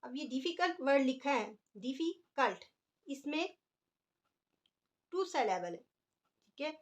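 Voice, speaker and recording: A woman's voice: sits high, very animated, slow pace. A woman teaching an English grammar lesson, explaining patiently and stretching out example words as she writes them.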